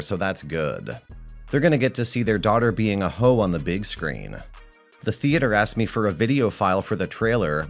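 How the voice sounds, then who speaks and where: A man reading first-person relationship stories aloud as a narrator, in a scripted style. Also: on the low side.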